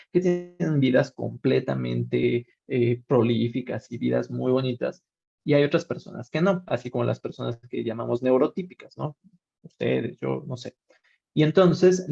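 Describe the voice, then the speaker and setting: A man's voice: medium pitch, gravelly, warm tone, dry recording. A man with a Mexican accent giving a webinar lecture, explaining step by step and rephrasing with fillers and asides. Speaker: workshop lecturer. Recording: dull lo-fi webinar audio.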